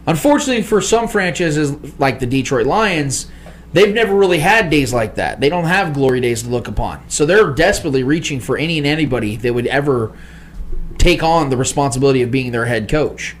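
A man's voice: medium pitch, animated, brisk, a little hiss or hum. A man hosting a sports comedy podcast, talking in a hyped, emphatic fan manner. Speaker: podcast host.

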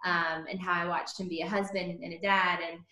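A woman's voice: lowish voice, little pitch movement, fairly quick, pushed and bright. An enthusiastic, chatty young woman talking casually as a podcast guest, recorded with a roomy echo. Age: young adult. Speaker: podcast guest, ministry leader. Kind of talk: casual chat.

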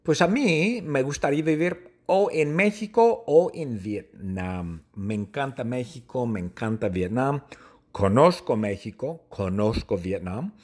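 Slow, husky man teaching. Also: mid-range voice, expressive, a little mellow. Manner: answers his own numbered questions, repeating phrases slowly. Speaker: language teacher. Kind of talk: slow Spanish lesson monologue.

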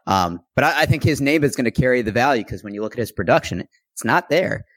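A man's voice: medium pitch, lively intonation, quick pace, a bit bright, dry recording. A man talking through fantasy baseball stats in an analytical, earnest way during a casual chat. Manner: analytical, stat-heavy, earnest.

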